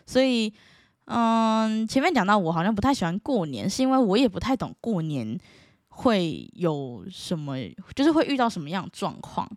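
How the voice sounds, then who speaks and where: Animated Taiwanese woman telling stories. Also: medium pitch, normal speed, no echo, clean studio sound. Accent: Taiwanese Mandarin. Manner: animated, playful, laughs often. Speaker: vlogger. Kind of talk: casual storytelling.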